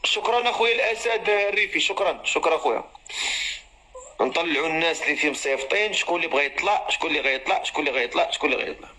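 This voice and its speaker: Fast bright Moroccan man hosting live. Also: fairly high pitch, lively intonation, poor audio. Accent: Moroccan Arabic. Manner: chatty, calls out to viewers and callers. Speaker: host of a live matchmaking stream. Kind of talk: live stream chat.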